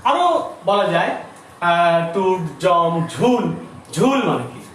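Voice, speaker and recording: A middle-aged man teaches a school grammar lesson in a high, very lively voice, repeating each term and putting questions to the class. He sounds far from the mic in a strongly echoing room with faint background noise. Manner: explains slowly, repeats terms, asks students questions.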